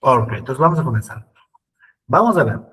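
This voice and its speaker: A man teaching an online English class, speaking slowly and repeating words for his students to copy. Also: medium pitch, very animated, fairly bright tone, distant mic, poor audio.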